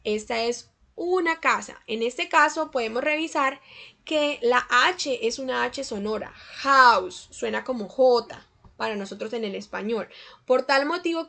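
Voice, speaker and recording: A woman gives a scripted English grammar lesson, slowing down to carefully pronounce example sentences. Her voice is high-pitched, gravelly and sharp.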